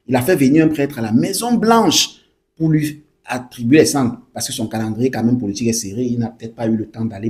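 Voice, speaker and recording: A man giving casual spoken commentary to his viewers, lively, often restarting and repeating himself. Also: mid-range voice.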